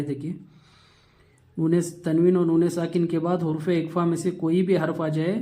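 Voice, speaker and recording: A man teaching a Quran reading lesson step by step, patiently repeating terms and stretching sounds slowly to show them. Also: a little high, warm tone.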